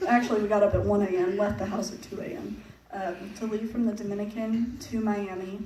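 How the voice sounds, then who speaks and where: A woman's voice: mid-range voice, level tone, a little fast, warm tone. A young woman giving a casual, chatty talk to a church audience about her mission trip. She laughs often and leans on fillers. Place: church hall. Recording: echoey hall, picked up from a distance, faint noise.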